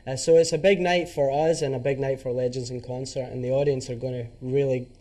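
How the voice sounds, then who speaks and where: A man's voice: mid-range voice, steady tone, fairly quick, dark tone. A man from Scotland with a Glasgow accent, chatting upbeat as a tribute performer on morning TV. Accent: Scottish, Glasgow. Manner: upbeat, chatty, laughs easily. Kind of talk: morning TV interview.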